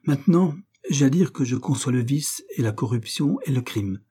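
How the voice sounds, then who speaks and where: A man's voice: medium pitch, lively intonation, normal speed, mellow, husky. A man voicing a proud, righteous nobleman and sea captain who speaks with stern, declamatory force. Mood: indignant.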